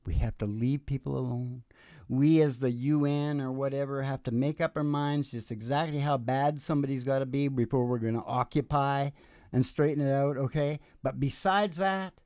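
An older man, a musician and show host, chats from a small indoor stage into a close vocal microphone in a colloquial, emphatic, rambling, opinionated way. His voice is medium-pitched, steady, a little mellow, and moderately paced, with clean, echo-free studio sound.

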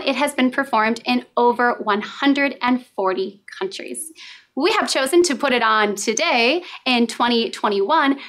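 A young woman, co-director of a community theatre group, giving an upbeat introduction to a streamed play. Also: high voice.

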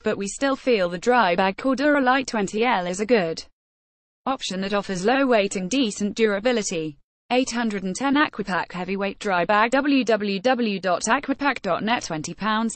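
A woman's voice: medium pitch, no room sound. Woman narrating in a dry voice. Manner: reads out ratings and web addresses word for word. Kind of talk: scripted narration of a product review.

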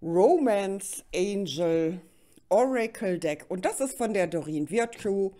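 Her pitch is medium and her manner animated, yet she takes her time, sounding mellow. She's a middle-aged woman with a slight cold hosting a relaxed tarot reading indoors at a card table, addressing the listener directly.

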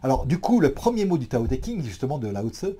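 A man's voice: medium pitch, big pitch swings, quick pace, warm tone, breathy edge. A man giving an explanatory talk to an audience, thoughtful and full of hesitations and restarts. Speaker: lecturer.

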